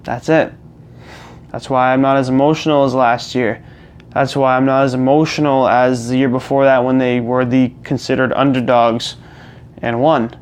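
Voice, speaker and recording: A man's voice: mid-range voice, darkish tone, clean tone. A young man hosting his own channel, talking through a rambling, casual rant into a personal mic, restarting and repeating himself. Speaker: gaming channel host. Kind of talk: casual ranting monologue.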